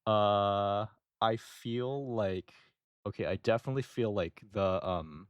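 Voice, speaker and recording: A man's voice: fairly low pitch, slow pace, clear, resonant tone, dry recording, clean studio sound. A man co-hosting a podcast in casual chat, thinking aloud in a hesitant way with many fillers. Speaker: podcast co-host.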